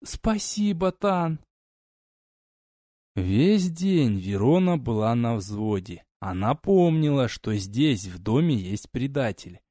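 A man narrating an audiobook in a steady, expressive reading. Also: mid-range voice, slow pace, few pauses, dry recording, clean studio sound. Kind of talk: scripted narration.

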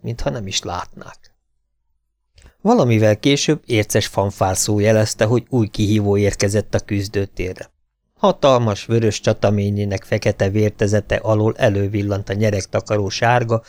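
Low-voiced man reading a fantasy audiobook. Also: vocal fry, a little mellow, no echo, clean studio sound. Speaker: audiobook reader.

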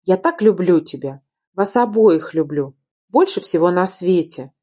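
A woman's voice: fairly low pitch, lively intonation, a little slow, slightly rough. A woman reading aloud voices a loving, attentive young husband in an audiobook, speaking tenderly. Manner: tender, gentle. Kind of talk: audiobook reading of a romance novel.

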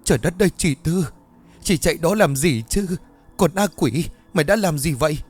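A man's voice: medium pitch, normal speed, a little mellow, faint music behind, lightly acted. A man voicing a frightened middle-aged mother who pleads with her possessed child, desperate and tearful, in a horror audiobook. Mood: shrieking.

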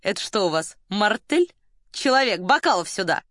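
A woman's voice: medium pitch, very animated, moderate pace, fairly bright tone, dry recording, clean studio sound. A woman voicing a jovial, hearty male officer in an audiobook. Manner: hearty, exclamatory.

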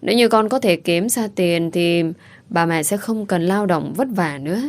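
A woman's voice: on the low side, normal speed, a little mellow, close to an everyday voice. A woman voicing a small, affectionate boy who talks in a pleading, childlike way. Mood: eager.

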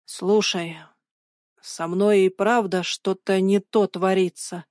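A woman's voice: mid-range voice, moderate pace, dry recording, clean studio sound, lightly acted. A woman voicing a frightened, bewildered young boy in a storybook reading, tense and muttering. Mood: hesitant.

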